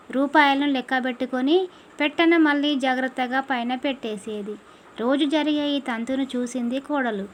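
A woman narrating a folk tale with steady, expressive storytelling. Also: high voice, a little hiss or hum.

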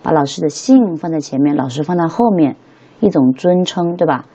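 A woman's voice: sits low, lively intonation, brisk, warm tone, husky, highs cut off. A young woman teaching an English lesson in a casual, chatty way, often checking with her listeners.

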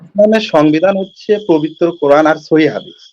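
A man's voice: on the high side, a little fast, darkish tone. A man calling into a heated live debate, insistent and arguing from scripture. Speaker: debate caller. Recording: muffled lo-fi call audio.

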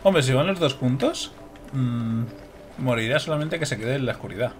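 Spaniard swearing through a gameplay commentary. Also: male voice, medium pitch, expressive, normal speed, faint music behind. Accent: Spain Spanish. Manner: swearing, laughing, talking to viewers. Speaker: gameplay streamer.

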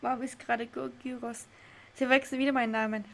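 A woman's voice: a little high, level tone, quick pace, vocal fry, fairly bright tone. A young woman streaming a game live, chatting with her chat, laughing often and getting confused. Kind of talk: live let's play with chat reading. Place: home room.

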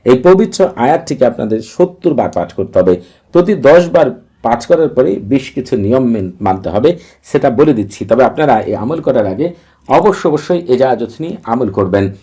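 Husky dark-voiced man giving instructions. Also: medium pitch, normal speed. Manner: repetitive, steady step-by-step instructions; recites long Arabic formulas in a chanting cadence. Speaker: Islamic ritual instructor. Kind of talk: instructional talk to viewers.

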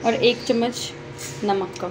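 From her home kitchen, a woman films on a handheld phone and chats directly to viewers as she explains cooking steps one by one. Her voice is fairly high, slow and fairly even in intonation. Frying sizzle and stirring are loud in the noisy background.

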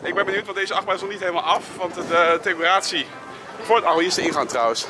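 A man's voice: high-pitched, fast, over music. A man vlogging casually and giving informal, opinionated commentary while walking around outdoors.

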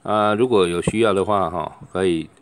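Deep-voiced male seller, rambling chatty demo that keeps testing mics aloud. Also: heavy background noise. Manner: loose, chatty, fills pauses with drawn-out "oh"; tests each mic by calling into it. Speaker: microphone seller. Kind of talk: product demonstration.

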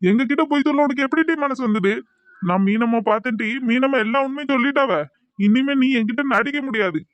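A man's voice: extremely high pitch, fast, fairly bright tone, no room sound, muffled recording. A man voicing an angry accusing husband. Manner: scolding, contemptuous. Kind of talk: cartoon voice acting.

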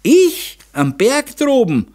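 A man's voice: medium pitch, sing-song, a little slow. A man voicing a spoiled, pert young Bavarian woman who answers back indignantly. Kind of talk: audiobook character voice.

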